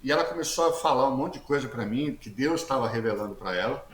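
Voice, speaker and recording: A man tells his personal story in a casual interview, loud and lively, slipping into the voices of the people he quotes. His voice sits at an ordinary pitch. The sound comes from an echoey room with a faint hiss behind it. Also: fast talker. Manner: lively storyteller who acts out quoted dialogue, slangy; speaks loudly. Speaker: guest giving a testimony.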